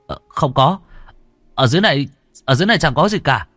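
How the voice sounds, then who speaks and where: A man's voice: fairly high pitch, expressive, fast talker, fairly bright tone, no echo, studio quality, voice pushed up. A man doing a sullen evasive teenage boy.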